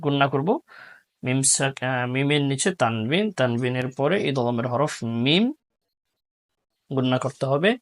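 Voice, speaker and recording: A man teaching tajweed recitation, spelling out letters syllable by syllable and then reciting each word slowly and drawn out, with quick low-key explanations in between. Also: animated.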